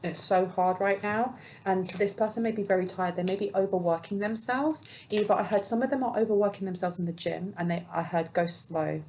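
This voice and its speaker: A woman's voice: medium pitch, brisk, darkish tone, a little hiss or hum, rough recording. A woman giving a casual, chatty tarot reading, reading card meanings aloud and musing on them. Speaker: tarot reader.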